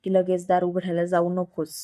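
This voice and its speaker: A woman reading the lines of a stern, bossy young husband who scolds his wife out of worry, in a low, flat voice. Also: normal speed, no echo, clean studio sound, natural voice. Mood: instructing.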